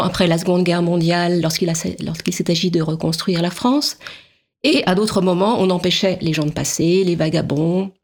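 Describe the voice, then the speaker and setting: Gravelly-voiced woman sociologist guest. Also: lowish voice. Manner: measured, explanatory, with fillers. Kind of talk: radio interview answer.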